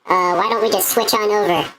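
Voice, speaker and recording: A woman's voice: medium pitch, fairly even intonation, a little fast, background noise. A woman streamer talking casually to her chat through a livestream headset mic, with short dry asides.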